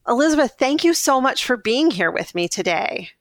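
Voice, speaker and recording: A woman's voice: fairly high pitch, very animated, normal speed. A woman hosting a podcast, giving scripted introductions and asking interview questions. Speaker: podcast host, intimacy coach.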